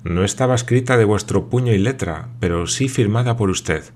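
A man voicing a loyal old sailor who answers calmly, puzzled by the questions. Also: lowish voice, normal speed, natural voice. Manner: calm, plain, bewildered.

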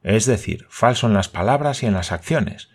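Man voicing an excitable professor, eager questions, husky voice. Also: lowish voice, normal speed. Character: excitable, eager male scholar.

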